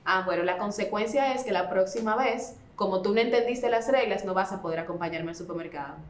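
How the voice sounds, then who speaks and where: A woman speaking as a parenting expert guest, explaining in a conversational way and acting out gentle talks with a child. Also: mid-range voice, fairly quick. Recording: roomy echo.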